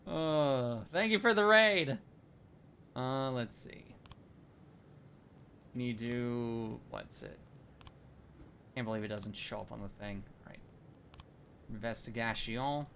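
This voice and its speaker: A man's voice: medium pitch, creaky, clear, resonant tone. A man streaming a game, chatting casually, reading game text aloud and thanking viewers. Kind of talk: casual live-stream commentary.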